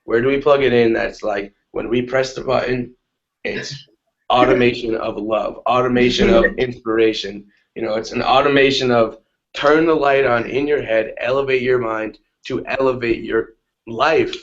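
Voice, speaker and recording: A man in a casual motivational talk on a webinar call, energetic and repetitive, often asking "right?". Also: mid-range voice, normal speed. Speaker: guest on a webinar. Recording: dull lo-fi webinar audio.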